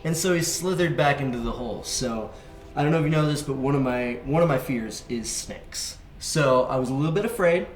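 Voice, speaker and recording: A man hosting a children's faith show, chatting playfully with a young co-host and telling stories in an animated way. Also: medium pitch, a little fast, roomy sound, soft background music. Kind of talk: casual chat with a young co-host.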